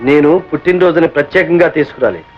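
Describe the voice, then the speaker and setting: An actor playing a calm, kind family man who speaks steadily and evenly. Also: fairly high pitch, very fast, close to an everyday voice. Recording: dull old film soundtrack with loud music.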